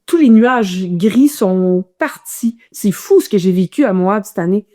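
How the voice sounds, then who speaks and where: A woman who runs, speaking with a Quebec French accent in a mid-range voice and at a slightly slow pace, relates a guest's stories in a casual interview. Her delivery is animated and full of restarts.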